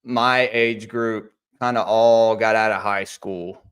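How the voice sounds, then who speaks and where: A man talks in a low, smooth, resonant voice. He keeps things laid-back and loose, cursing often and throwing in plenty of "dude" and "bro" as he hosts a casual podcast chat. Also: steady tone, takes it slowly, a bit bright. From Mississippi, USA. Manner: laid-back, swears freely, peppers speech with "dude" and "bro". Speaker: podcast host.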